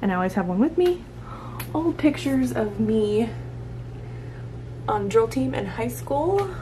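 In a small bedroom, a thirtysomething woman vlogs casually and self-deprecatingly to a camera held at arm's length or set nearby. Her mellow voice sits on the high side, swings widely in pitch, and moves unhurriedly. The camera audio is noisy, with room hum.

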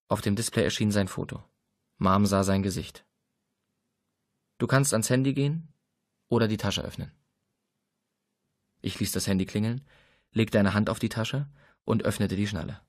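Low-voiced man narrating an audiobook. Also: no room sound, studio quality. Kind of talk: scripted first-person narration.

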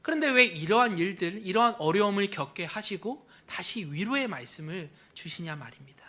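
A man's voice: high-pitched, lively intonation, moderate pace, sharp tone. A male pastor preaching a sermon in a church, emphatic, with phrase ends that drop to a near whisper.

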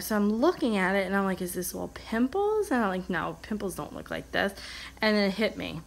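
An American woman who runs a coloring channel chats at a table indoors while coloring on camera, her mid-range voice fairly bright despite a slight cold. She tells personal stories in a candid, rambling way, acting out remembered dialogue.

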